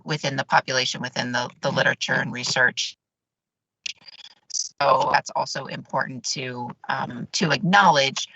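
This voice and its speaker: Low-voiced woman on a glitchy breaking-up call. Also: bright, forceful tone, dry recording. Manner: hesitant, with many restarts. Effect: choppy audio cutting out on a weak call connection. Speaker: clinician. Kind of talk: virtual meeting discussion. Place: parked car lot between patient visits. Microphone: video call on a phone or laptop. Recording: dull, choppy video call audio.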